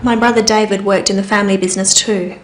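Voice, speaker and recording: A woman's voice: mid-range voice, steady tone, fast talker, noisy background, close to an everyday voice. An actress in her twenties, from Singapore, playing a young businesswoman who asks an investigator to find her missing brother. She speaks plainly and earnestly. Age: 20s. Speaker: client. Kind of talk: scripted English-learning drama.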